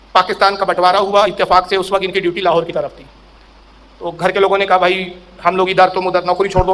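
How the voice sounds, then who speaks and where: A middle-aged man preaching a religious sermon, telling stories and acting out the voices in them, rising to emphatic, raised lines at the key sayings. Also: sits high. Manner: animated storyteller, acts out quoted saints and characters. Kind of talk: Urdu religious sermon with storytelling.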